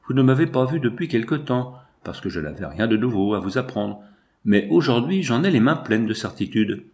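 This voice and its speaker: A man's voice: mid-range voice, expressive, normal speed, darkish tone, natural voice. A man voicing a sly, insistent male business agent in an audiobook, with an eager, self-assured manner. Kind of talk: audiobook character voice.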